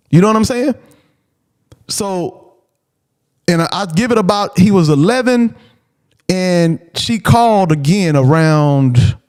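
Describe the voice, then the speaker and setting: A man, a father and show host, telling a personal story in a blunt, animated way, repeating key phrases and acting out what he said. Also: on the high side. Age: adult, father of a preteen. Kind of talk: casual storytelling.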